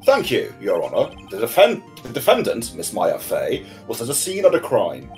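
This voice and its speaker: A man voicing a cold, haughty male prosecutor in a game playthrough, speaking low and formally. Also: huge pitch swings, moderate pace, a little mellow, soft background music. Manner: low, formal courtroom delivery.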